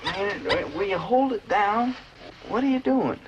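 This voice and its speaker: A man's voice: high-pitched, lively intonation, unhurried, lo-fi sound. An actor playing a sensible, exasperated young American man, a loyal straight-man buddy in a 1960s sitcom. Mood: indignant, earnest. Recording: old TV soundtrack, faint noise.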